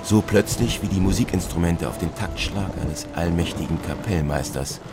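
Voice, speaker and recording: A man's voice: sits low, moderate pace, heavy background noise. A man narrating a sea adventure in the first person with a dramatic storyteller's delivery.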